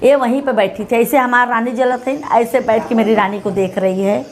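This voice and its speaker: Speaking a little high in a steady tone at a moderate pace, a middle-aged woman with a Bhojpuri-tinged Hindi accent gives an emotional testimony interview as the mother of the deceased. She rambles, goes over the same points, and acts out what people said to her.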